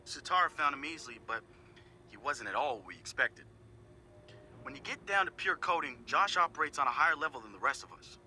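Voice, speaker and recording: Playing a relaxed young male hacker in a game audio log, an actor speaks candidly and casually about his teammates, dropping profane, wry asides. The voice is fairly high, expressive, a little fast, and bright and forceful. The audio is poor with slight background noise, and clear music runs behind him.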